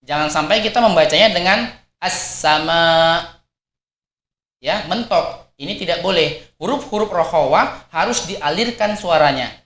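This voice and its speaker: A man's voice: high-pitched, expressive, normal speed, fairly bright tone. A man teaching a Quran recitation lesson. He explains patiently, repeats his points, and models each sound aloud. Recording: echoey room.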